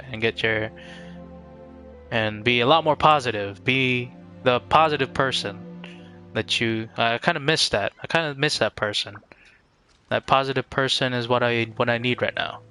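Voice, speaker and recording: A male streamer with a bright, mid-pitched voice chats casually and reflectively, his phrasing halting, while faint game music plays behind him.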